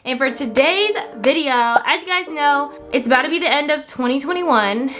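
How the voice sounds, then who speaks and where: A twenty-one-year-old woman vlogs on her own channel, chatting casually to camera in an upbeat, encouraging way and repeating things for emphasis. Her voice is high-pitched and a bit bright, at a normal speed.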